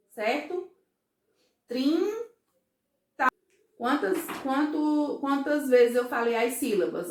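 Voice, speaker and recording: A Brazilian woman teaching young children, with a fairly high voice and a very slow, patient delivery. She keeps checking that the class follows along. The recording is echoey, as if made in a bare room. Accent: Brazilian Portuguese. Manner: slow, patient, asks children "certo?" and "ó" often. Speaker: first-grade teacher.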